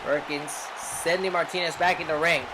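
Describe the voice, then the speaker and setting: A man with a slightly high, steady voice calls a pro wrestling match live at a moderate pace, in clipped bursts and dramatic rhetorical questions. The venue is noisy, with a loud crowd roaring behind him.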